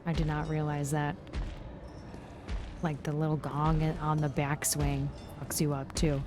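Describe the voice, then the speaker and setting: A woman streaming a game live, chatting casually and swearing, quick to squeal when excited. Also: noisy background. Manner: excitable and profane, jumps to high yelps. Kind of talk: casual live gameplay commentary.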